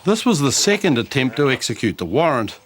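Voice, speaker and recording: A man with a New Zealand accent narrates a documentary from a script. His voice sits at a middle pitch, with clear noise running behind it. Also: sing-song, fairly quick.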